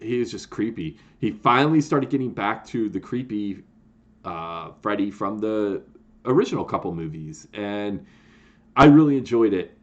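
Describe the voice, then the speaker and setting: A man casually chatting to his viewers, rambling and excitable, full of fillers and restarts. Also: lowish voice, dull audio. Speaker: YouTube host ranking horror films. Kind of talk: casual chat to camera.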